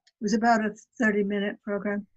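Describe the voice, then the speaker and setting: A participant on a video call talking hesitantly, with many restarts. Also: male voice, high-pitched, little pitch movement, fast, highs cut off. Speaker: meetup participant. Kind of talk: casual video call chat. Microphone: computer mic on video call.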